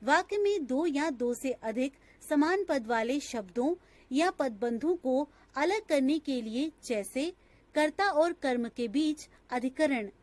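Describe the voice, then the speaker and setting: A woman narrating a scripted grammar lesson in a slow, measured, textbook-style reading. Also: high voice, animated, darkish tone, dry recording.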